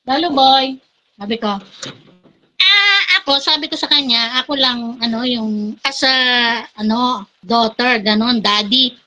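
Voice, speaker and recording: A woman's voice: on the high side, fairly even intonation, measured pace, bright, forceful tone. A woman telling funny stories in casual chat and laughing often. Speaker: guest.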